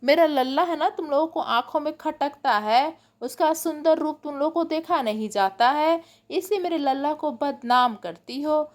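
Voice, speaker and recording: A woman voicing a protective, scolding mother who talks in rapid, insistent bursts. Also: high voice, close to an everyday voice. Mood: indignant.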